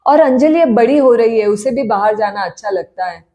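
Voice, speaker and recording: A woman's voice: on the high side, lively intonation, moderate pace, close to an everyday voice. Woman voicing a frail elderly mother-in-law. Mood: tender. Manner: weak, soft-spoken.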